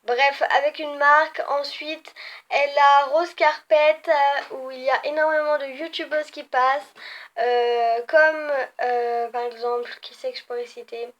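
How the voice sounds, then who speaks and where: A young woman chatting casually in a vlog, filling pauses with "euh" and often correcting herself as she ranks her favourites. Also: high voice, little pitch movement, a bit bright, highs cut off. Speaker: beauty vlogger. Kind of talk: casual ranking video.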